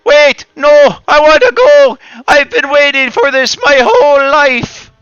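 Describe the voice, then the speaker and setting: A man voicing a greedy, excitable male dwarf who stammers and yells in a shrill voice. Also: unhurried, dry recording, highs cut off, faint music behind, full character voice. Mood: frantic.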